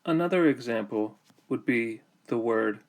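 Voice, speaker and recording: Using lively intonation in a mid-range voice, a male teacher explains grammar one step at a time. His phrasing is slow and careful, with frequent pauses.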